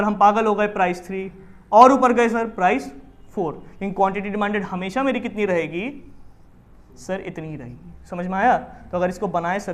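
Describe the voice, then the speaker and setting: A man teaching a commerce class, explaining with lively questions to his students. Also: high-pitched. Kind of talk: classroom lecture in Hindi with English terms.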